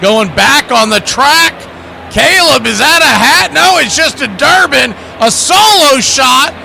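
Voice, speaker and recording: Pushed and bright, a very high male voice gives measured play-by-play for a live radio baseball broadcast, spiced with folksy, colorful language. Clear outdoor noise plays in the background.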